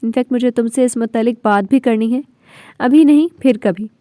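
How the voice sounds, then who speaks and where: Gentle young woman, read by a woman narrator. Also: fairly high pitch, moderate pace, no echo, clean studio sound, close to an everyday voice. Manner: soft, reassuring. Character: young woman, gentle and cheerful bride's cousin.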